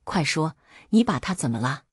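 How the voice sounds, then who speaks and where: A hot-tempered young husband, voiced low and brooding, with a husky edge and dry, close sound, as a woman narrator acts him out. He sways widely between gloom and sudden fury. It is storybook acting. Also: sing-song, moderate pace, dry recording, heavily acted. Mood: furious. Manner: deep, brooding, bursts of fury.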